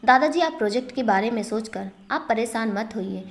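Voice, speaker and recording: Brief: woman narrator doing a soft-spoken, reassuring young husband. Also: fairly high pitch, lively intonation, a little fast. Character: young husband, calm and trusting.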